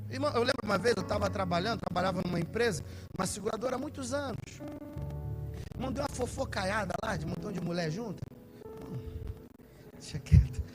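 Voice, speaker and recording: A man preaching as a pastor, telling stories to his congregation and rising into shouted peaks. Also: high voice, quick pace, over loud music, low-quality recording. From Brazil. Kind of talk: sermon.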